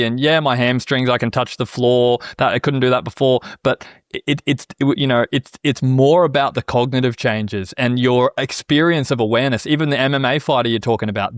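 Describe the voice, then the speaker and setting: A reflective male host talking in a middle pitch, close to the mic in a dry, dead room. He muses aloud and keeps checking in with the listener. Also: clear, resonant tone, dry recording. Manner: reflective, often adds "you know what I mean?". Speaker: podcast host. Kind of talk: casual spiritual conversation.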